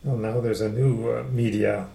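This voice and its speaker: A man interviewing a guest, asking measured questions. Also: fairly low pitch, fairly even intonation, gravelly. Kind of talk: interview conversation. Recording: echoey, noisy line.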